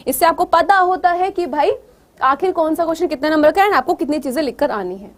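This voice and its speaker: A woman's voice: sits high, animated, a little fast. A woman teacher explaining exam preparation to students, coaxing and often asking if they follow, mixing in English words. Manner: coaxing, repeatedly checks students understand.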